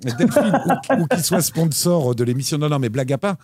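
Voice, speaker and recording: A man co-hosting a casual chat show about TV and streaming picks, talking in an animated way with lively jumps in pitch. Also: brisk, a crowd in the background. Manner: animated, lively pitch swings, frequent restarts. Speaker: co-host recommending TV shows.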